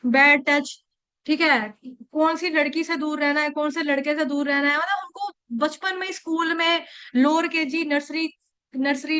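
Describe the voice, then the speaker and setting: A woman's voice: high-pitched, a bit bright. A young woman giving a devotional scripture talk in a chatty storytelling manner, often checking in with listeners. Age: young adult. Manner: conversational storytelling, frequent checks like "okay" and "right". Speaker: devotional speaker.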